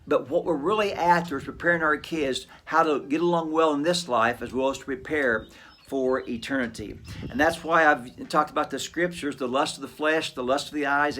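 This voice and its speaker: A man's voice: medium pitch, fairly bright tone, a little hiss or hum. A middle-aged man hosting a short devotional segment for homeschool families, speaking in an earnest, plainspoken way and telling personal stories. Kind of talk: conversational devotional talk.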